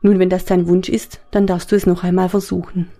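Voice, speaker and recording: A gentle old grandfather in a spoken story, read by a woman. He speaks softly and with compassion, in a low, gravelly, mellow voice. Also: little pitch movement, brisk, faint music behind. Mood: compassionate. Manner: kind, soft-spoken.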